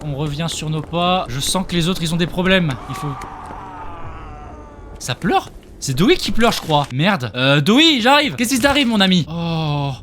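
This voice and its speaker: A man's voice: high-pitched, slight background noise. A man hosting a let's play video, reacting to a horror game with yelps, swearing and running commentary. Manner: excitable, swearing, yelping reactions. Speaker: gaming video host. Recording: gameplay audio with loud music behind.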